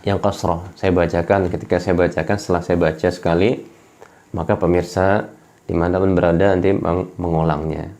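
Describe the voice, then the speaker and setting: Man, recitation lesson, deep voice, mellow tone, patient repeated explanations. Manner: patient, repeats each point and demonstrates sounds. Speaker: Quran recitation teacher. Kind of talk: explaining articulation to home viewers.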